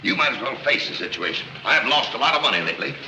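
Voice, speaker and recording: A man's voice: medium pitch, lively intonation, fast talker, sharp tone, a little hiss or hum, rough recording. An actor playing a blustering, sardonic middle-aged wealthy father, exasperated with his family, in 1930s screwball comedy banter. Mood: grim, resigned.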